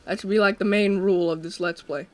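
A man's voice: sits high, quick pace. A young man hosting a co-op game session from his desk mic, joking and trailing off with fillers as he plays. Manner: excitable, jokey, trails off with fillers. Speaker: host. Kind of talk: casual gameplay chat.

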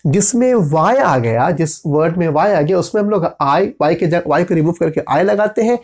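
A man's voice: on the high side, expressive, normal speed, darkish tone. A man with teaching a grammar lesson, patiently spelling out letters and checking in often with his listeners. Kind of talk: explanatory lesson.

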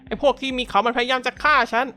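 A man acting out a loud, belligerent drunk from a game story, slurring and looking for trouble. The voice sits higher and pushier than the narrator's own. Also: level tone, racing, smooth. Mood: paranoid. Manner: slurred, shouting, picking fights. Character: rowdy drunk male office customer, belligerent.

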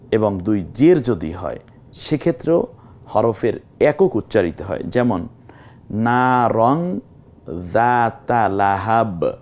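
Slow, lively-voiced Quran teacher, a man. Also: mid-range voice. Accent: Bangladeshi Bengali. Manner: slow, patient explaining with drawn-out recited examples. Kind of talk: televised Quran recitation lesson.

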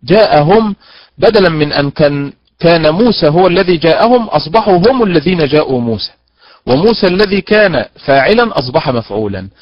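A man teaching Quran recitation online, slowly drawing out recited examples between quick explanations. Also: on the high side, sing-song, no echo. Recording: dull lo-fi dry online audio.

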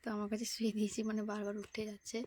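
A young woman speaking in a hushed, whispered vlog voice at home so her sleeping child won't wake, in whispered role-play style. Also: mid-range voice, completely flat delivery, very fast. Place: home, indoors at night.

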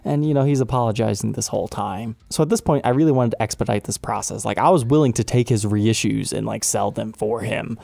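A man hosting a guitar show, telling a personal story in an animated, exasperated way. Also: lowish voice, brisk, vocal fry, few pauses, dry recording. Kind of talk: storytelling vlog.

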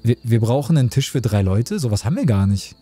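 A man's voice: mid-range voice, animated, fast talker, mellow, slightly rough, soft background music. A young man streaming a tavern game, chatting casually with his chat, joking and reading out messages.

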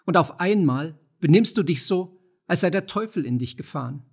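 A husky man voicing a middle-aged mother who hurries through her scolding, fussing and pleading like someone ashamed in public. The voice sits fairly high and a little breathy, and it is read as an audiobook character. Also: lively intonation, moderate pace, heavily acted.

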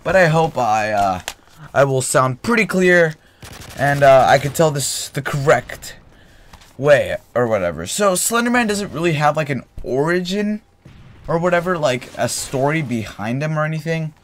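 A young man who hosts a gaming channel is coming down with a cold and clears his throat while casually telling a story over gameplay, rambling with fillers and correcting himself. His voice is on the high side and sing-song at a moderate pace. Faint game gunfire sounds in the background.

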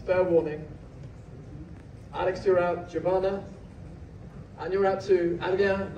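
This auctioneer, his voice on the high side, keeps up steady, rhythmic bid-calling at a podium mic in a large, packed hall. A phone in the audience captures it from a distance, with echo, room ambience and background noise.

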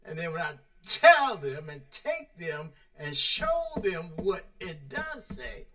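A man teaching the Bible like a preacher, talking about himself in the third person and drawing out the scripture words slowly. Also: sits high, big pitch swings, bright, forceful tone, low-quality recording. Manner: slow, drawn-out emphasis on scripture. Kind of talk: radio-style Bible teaching.

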